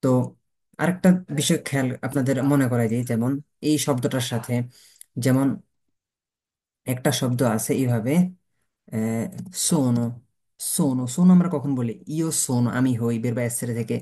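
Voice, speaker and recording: A man's voice: mid-range voice, a little slow, long pauses, mellow. A man teaching a beginner language lesson, asking rhetorical questions and answering them himself, spelling words out letter by letter.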